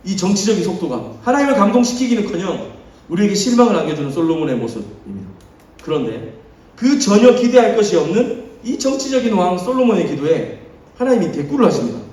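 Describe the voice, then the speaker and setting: A man in his thirties giving a youth sermon, telling stories with acted quotes and swinging between soft asides and loud emphasis. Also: sits high, very animated, fast. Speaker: youth pastor. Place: church hall. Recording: echoey hall, mic off at a distance.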